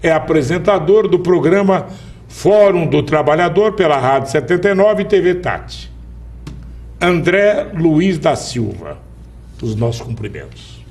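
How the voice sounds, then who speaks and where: A man hosting a formal local TV interview, introducing his guest in a measured, announcer-like way. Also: fairly high pitch, lively intonation, a little mellow, distant mic. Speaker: interview host.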